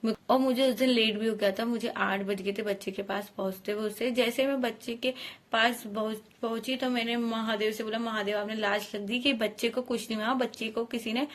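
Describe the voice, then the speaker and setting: Woman, vlogger, earnest, chatty, slightly high voice. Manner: earnest, chatty, addresses viewers as guys. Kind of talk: casual storytelling to camera.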